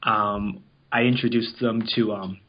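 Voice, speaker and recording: The recording is muffled, and this man's low-leaning voice moves at a measured pace with fairly even intonation. As an interview guest who voices a character in an abridged anime series, he tells loose, casual stories and acts out the quoted remarks.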